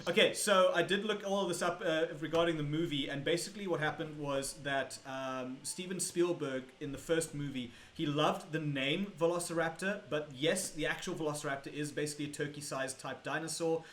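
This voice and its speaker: A man hosts a game stream in a friendly, chatty way and reads out viewers' questions. His voice sits a little high, and it sounds roomy, with a faint hiss running under it. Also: brisk, few pauses, fairly bright tone. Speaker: stream host. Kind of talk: casual chat on a game stream.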